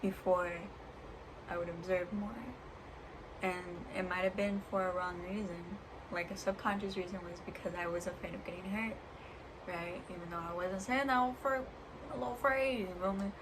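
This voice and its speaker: A woman with a slightly low voice delivers a reflective personal monologue as a vlogger. She is earnest and halting, often pausing between short phrases. There is clear background noise in the recording. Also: steady tone.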